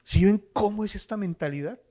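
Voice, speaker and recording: High-voiced man preaching. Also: a little fast, darkish tone. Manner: rhetorical, firing off questions. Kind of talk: sermon.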